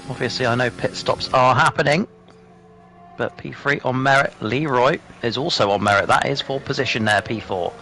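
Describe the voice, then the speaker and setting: A man's voice: mid-range voice, moderate pace. A man commentating a sim racing league broadcast, joking and laughing with his co-commentator. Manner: jokey, laughs often, teasing banter. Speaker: race commentator. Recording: commentary over loud background music.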